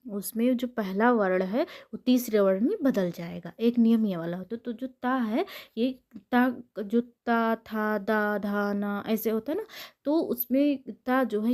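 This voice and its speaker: A woman teaching a spelling lesson for exam preparation, with frequent repetitions and quick self-corrections. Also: fairly high pitch, darkish tone. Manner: repeats words, frequent "ठीक है" and self-corrections.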